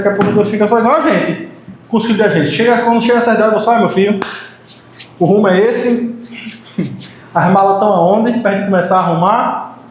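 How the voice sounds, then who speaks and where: A high-pitched Brazilian man preaches with lively humor in a very echoey church hall. A faint hiss sits under his voice. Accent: Brazilian Portuguese. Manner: animated, joking with the congregation, acts out short quotes. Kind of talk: sermon.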